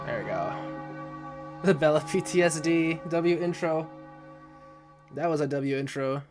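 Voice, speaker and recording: A man, plainly drunk, talks through a live reaction stream in a voice pitched a little above the usual, rambling and swearing as he goes. He stumbles and restarts his words often. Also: a little slow, darkish tone, faint music behind. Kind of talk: casual live reaction commentary. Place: his own room.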